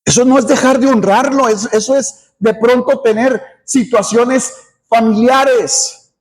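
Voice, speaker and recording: A middle-aged man preaches from the pulpit in a strikingly high voice. His delivery is earnest, circling back on words and adding an amen as he makes his point. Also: steady tone, a little slow. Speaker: pastor. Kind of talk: sermon.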